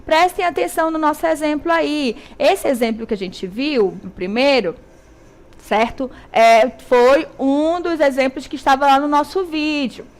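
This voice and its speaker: A woman with a Brazilian Portuguese accent teaching a televised school lesson, checking in with her students often and slowly stressing syllables. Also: high voice. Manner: didactic, checks in with "tá?" and "certo?".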